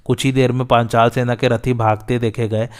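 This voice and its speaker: Man reading an old epic tale, steady and level, smooth resonant voice. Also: medium pitch, moderate pace. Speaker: narrator. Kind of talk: scripted epic storytelling narration.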